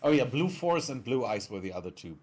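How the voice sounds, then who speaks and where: A man's voice: medium pitch, big pitch swings, brisk, darkish tone. A man co-hosting a game stream, talking casually and thoughtfully with hesitations. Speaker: stream co-host. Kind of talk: casual chat.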